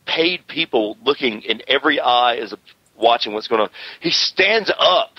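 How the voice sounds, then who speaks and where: A man's voice: mid-range voice, moderate pace, slightly rough, dry recording. A man hosting a wrestling radio show, telling stories in a boastful, rambling way. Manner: animated, boastful, rambling storyteller. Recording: slightly dull radio audio.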